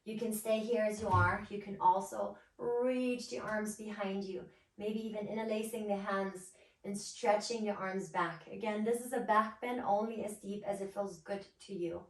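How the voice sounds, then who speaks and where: A woman guiding a yoga class as instructor, with a gentle, nurturing and encouraging manner. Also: medium pitch, fairly even intonation, moderate pace. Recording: roomy echo, distant microphone.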